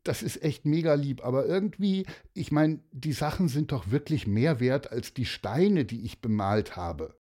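A man voicing a grateful young girl in a storybook, speaking softly. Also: medium pitch, expressive, moderate pace, hardly any pauses, voice pushed up, natural voice.

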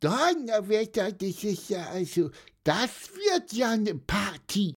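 Woman doing an easygoing kid voice, high, lively, unhurried. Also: slightly rough, exaggerated voice.

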